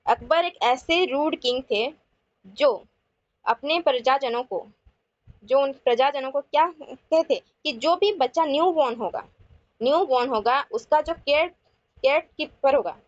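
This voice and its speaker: A woman teacher with a high voice works through past exam questions in a lecture, reading each one slowly before explaining quickly in mixed Hindi and English and asking viewers to answer. The recording is dry, echo-free, and dull lo-fi.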